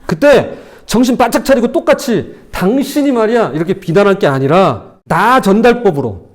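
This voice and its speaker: Male pastor, sermon delivery; high-pitched and very animated, plays out spouses' quarrels. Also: normal speed.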